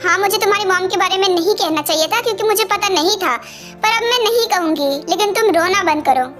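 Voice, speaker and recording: A woman's voice: extremely high pitch, fast, music in the background. A woman dubbing a strict, scolding middle-aged mother in an amateur fan dub. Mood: stern. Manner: sharp, scolding, bossy.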